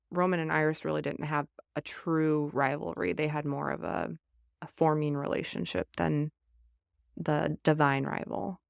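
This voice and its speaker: Low smooth Southern woman, earnest. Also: no echo, clean studio sound. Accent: Southern American. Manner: earnest, reflective, many fillers. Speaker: book club podcast host. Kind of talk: casual book discussion.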